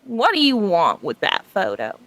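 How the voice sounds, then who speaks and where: A woman's voice: mid-range voice, wildly swooping pitch, normal speed, fairly bright tone, dry recording, rough recording. A woman voicing a wrinkled old grandmotherly elf who runs a bar, sassy and blunt, in a tabletop game. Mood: guarded. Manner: grandmotherly, blunt, calls people sweetie.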